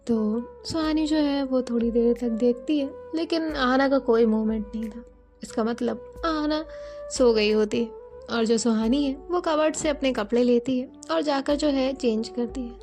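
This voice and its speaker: A woman's voice: on the high side, darkish tone. A woman narrating a romance story in a loose, chatty retelling with many repeated fillers.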